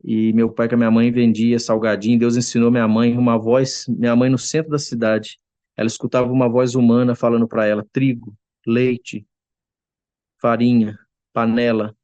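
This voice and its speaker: A man's voice: mid-range voice, little pitch movement, fast, mellow, dry recording, muffled recording. A man giving a testimony to a church congregation, telling an earnest story and often addressing his listeners as brothers. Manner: acts out quoted voices.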